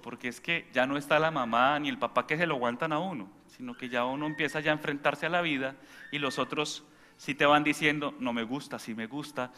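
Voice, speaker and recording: A man giving a homily as a priest at Mass, telling stories and shouting out imitations of his family, often checking in with the congregation. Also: on the high side. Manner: asks the congregation for agreement. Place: church during Mass. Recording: church with long reverb.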